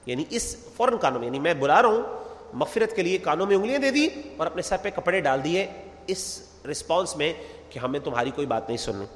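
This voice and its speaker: A man's voice: sits high, in a large hall. A man teaching scripture verse by verse, reciting each line melodically and then explaining it in plain speech. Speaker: Quran teacher.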